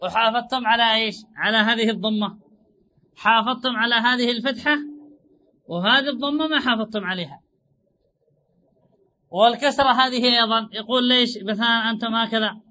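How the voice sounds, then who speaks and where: Very high-voiced, bright male teacher. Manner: repeats points and asks rhetorical questions; draws out example words slowly. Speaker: Arabic grammar teacher. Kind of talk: classroom lecture. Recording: dull lo-fi recording.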